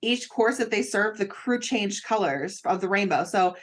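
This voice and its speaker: A woman's voice: lively intonation, normal speed, slight background noise. Giggly woman podcast co-host. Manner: giggly, acts out quotes in high voices. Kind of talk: casual recap chat.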